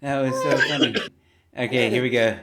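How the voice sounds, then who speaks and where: A man's voice: mid-range voice, steady tone, brisk, heavy background noise. A man hosting a comedy panel, reading headlines aloud and riffing on them. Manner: reads headlines aloud, then riffs. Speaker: host. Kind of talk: casual comedy panel chat.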